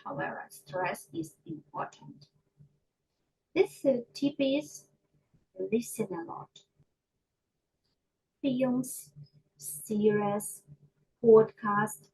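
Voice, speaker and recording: A woman teaching English pronunciation to a class, slow and deliberate, often checking in with her students. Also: fairly high pitch, a little mellow, breathy edge, rough recording. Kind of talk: online micro lesson.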